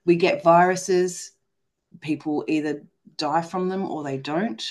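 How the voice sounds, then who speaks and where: A middle-aged woman from Australia chatting as a podcast guest, animated and acting out her inner voices. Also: lowish voice, slow pace. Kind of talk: casual spiritual chat.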